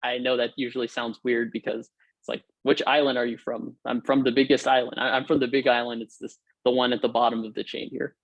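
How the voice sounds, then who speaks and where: The dull, dry audio carries a young man from Hawaii lecturing as a guest over video call from a home or office room. His mid-range voice is flat and fairly quick with vocal fry, though the technical talk itself is upbeat and informal, packed with fillers and restarts.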